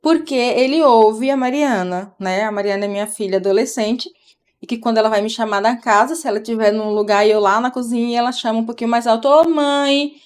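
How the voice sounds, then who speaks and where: A woman's voice: a little high, quick pace, darkish tone, clean tone. A middle-aged woman from Brazil, a mother chatting casually on a live stream and explaining things as she goes. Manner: chatty, explains while talking to her child.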